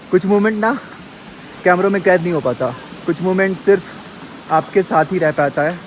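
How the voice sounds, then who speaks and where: A man's voice: sits high, a little slow, pauses often, a little hiss or hum. A young man chatting casually as a travel vlogger in a mountain village, often calling viewers brother and friends. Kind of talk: casual travel vlog narration.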